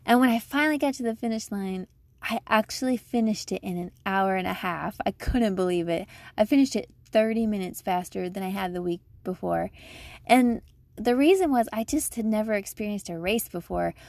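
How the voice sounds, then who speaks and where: A woman's voice: mid-range voice, normal speed, gravelly, a little mellow, no room sound. A woman giving casual motivational advice like a vlogger, chatty, emphatic, upbeat and encouraging.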